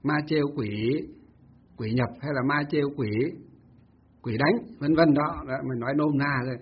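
A man's voice: medium pitch, moderate pace, breathy edge, highs cut off. A Buddhist monk telling a story in a Dharma talk, asking himself rhetorical questions as he goes.

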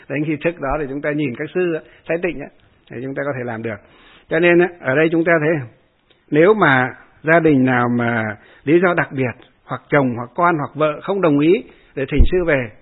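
A man's voice: fairly high pitch, normal speed. A man, a Buddhist monk, giving a dharma talk that answers a follower's question, explaining step by step with many hesitation fillers and short chanted verses. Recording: husky voice over tinny phone-like line.

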